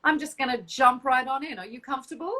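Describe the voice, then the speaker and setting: A woman's voice: sits high, fast, sharp tone. Bubbly South African woman hosting a live chat. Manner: chatty, bubbly, laughs often. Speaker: host. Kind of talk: casual interview chat. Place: home, on a video call. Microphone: video call.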